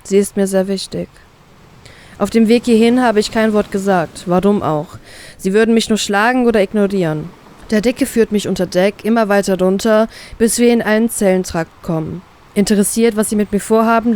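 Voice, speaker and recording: A woman's voice: medium pitch, fairly quick. Woman reading a first-person story aloud. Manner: expressive reading with voiced character lines. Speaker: fan fiction reader.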